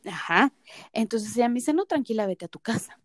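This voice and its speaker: This podcast co-host, a woman in her thirties, speaks in a slightly high, animated, brisk voice as she casually shares her story and performs the quoted lines with lots of life. The sound is dry and clean, studio-grade.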